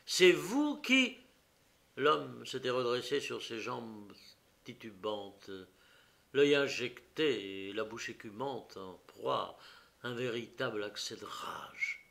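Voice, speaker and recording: A man narrating an audiobook of a detective story in a slow, dramatic reading. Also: medium pitch, gravelly, a bit bright.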